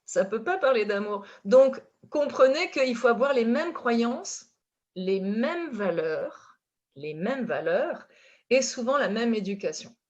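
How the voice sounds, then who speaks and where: A woman from France with a French accent, speaking as a relationship coach in a casual conversation, animated and full of fillers and restarts. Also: fairly high pitch, slow pace. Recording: dull lo-fi sound.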